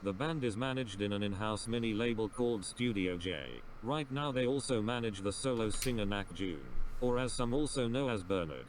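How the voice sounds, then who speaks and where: A too-smooth android voice of a man, flat and monotone like text-to-speech, sitting a bit low. It reads a scripted guide evenly, with a clear hiss of background noise under it. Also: normal speed, hardly any pauses. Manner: flat, even android-like delivery. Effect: smooth, monotone robotic text-to-speech voice. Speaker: guide video narrator. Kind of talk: scripted narration.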